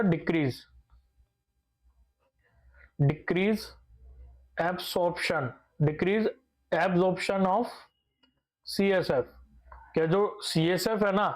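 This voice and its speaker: Slow and patient, with long pauses, a high-voiced young man lectures nursing students. He repeats each important term several times, answers the questions he puts to the class, and sprinkles in English medical words.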